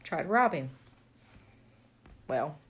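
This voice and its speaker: A woman's voice: low voice, animated, slow, a bit bright, breathy edge. A woman co-hosting a casual book discussion, chatty and wry, laughing often. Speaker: podcast co-host.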